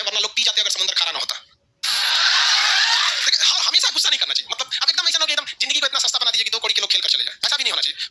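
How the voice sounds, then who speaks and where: A male teacher with a Bihari Hindi accent, lecturing a class rapidly and animatedly, asking questions and answering them himself. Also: very high-pitched, background noise. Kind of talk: classroom lecture with call-and-response.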